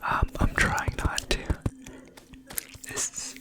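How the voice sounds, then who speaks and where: A person whispering close into the ear, rambling haltingly in an unhurried way over ASMR gameplay. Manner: close, leaning-in whisper into the ears. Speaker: gaming video creator.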